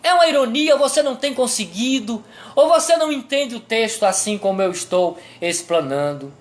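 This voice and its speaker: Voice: mid-range voice, lively intonation, brisk. A pastor with a Brazilian accent preaching a sermon, asking the congregation rhetorical questions and pressing each point with emphasis.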